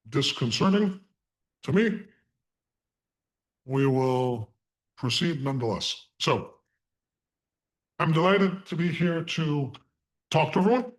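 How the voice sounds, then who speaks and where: A man speaking through a voice changer that disguises his voice, giving a measured, slightly wry lecture on a video call. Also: medium pitch. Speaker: guest lecturer. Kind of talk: online class lecture.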